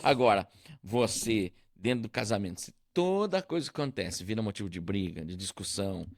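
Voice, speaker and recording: A man's voice: fairly low pitch, brisk, creaky, no echo, studio quality. A man, a pastor hosting a podcast, telling stories in a casual chat and laughing often. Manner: animated storyteller, laughs often.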